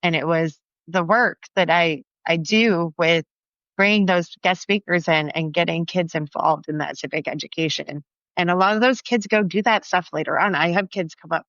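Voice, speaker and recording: Young woman teacher telling a story, super animated, lots of "like", dry kinda dull podcast sound. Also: fairly low pitch, clear, resonant tone, no echo. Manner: animated, acts out quotes with "like" fillers. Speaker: teacher and children's author, podcast guest. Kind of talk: casual storytelling in an interview.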